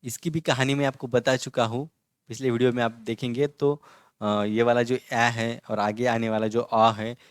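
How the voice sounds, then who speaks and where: A man of ordinary pitch teaches an online language lesson in a relaxed, chatty way. He breaks words into single syllables, says them slowly, and keeps asking whether the viewer follows. The sound is dry and close, with no room echo. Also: clean tone. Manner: often asks checking questions.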